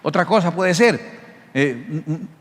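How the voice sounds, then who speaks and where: A middle-aged male pastor preaching a sermon, teaching in an animated, jokey way and often checking that listeners follow. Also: on the high side, measured pace. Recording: long hall reverb.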